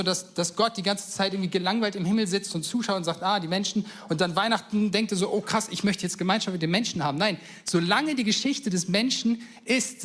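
A man's voice: high-pitched, a bit bright. A man preaching a casual sermon, telling stories with enthusiasm and acting out quotes in everyday speech.

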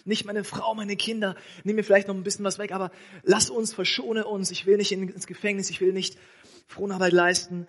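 A man's voice: high-pitched, level tone, brisk, fairly bright tone, voice pushed up. A man voicing a desperate debtor who begs a king for mercy, in pleading, partly whispered tones. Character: pleading debt-ridden man begging a king.

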